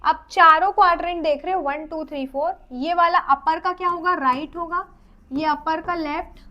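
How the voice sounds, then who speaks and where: A woman with an Indian accent teaching a dental anatomy lecture. She reads English lines slowly, then explains them in Hindi with questions to the class, and counts teeth aloud under her breath. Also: very high-pitched, fairly even intonation, lo-fi sound. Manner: counts teeth aloud while drawing, trailing off softly. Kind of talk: exam-oriented lecture.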